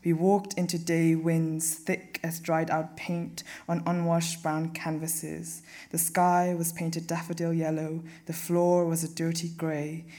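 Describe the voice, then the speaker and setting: A young man reading his own poems aloud at a live event, modest and soft-spoken, with a measured delivery. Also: on the high side, completely flat delivery. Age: young adult. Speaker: young poet.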